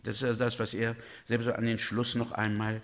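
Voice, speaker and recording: A man's voice: monotone, brisk, fairly bright tone. A man giving a thoughtful, explanatory talk on a religious drama, lifting his voice when he quotes. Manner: thoughtful, explanatory, voices quotations with raised pitch.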